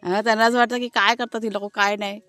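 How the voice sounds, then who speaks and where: A woman from Maharashtra in casual vlog narration, chatty and explanatory as she speaks to viewers from an outdoor garden, now and then calling loudly to her dogs. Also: medium pitch, little pitch movement, quick pace, dry recording, soft background music. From Maharashtra, India. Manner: calls out loudly to her dogs between remarks. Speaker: family vlogger.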